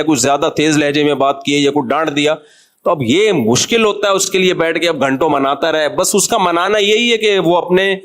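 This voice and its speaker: A man from Pakistan giving a humorous, conversational religious talk as a cleric. He jokes and speaks straight to his listeners. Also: a little high. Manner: chatty and joking, addresses listeners directly.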